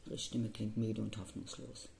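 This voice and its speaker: Man, gravelly voice, first-person narration, measured and somber, echoey room, faint hiss. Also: fairly low pitch, monotone, darkish tone.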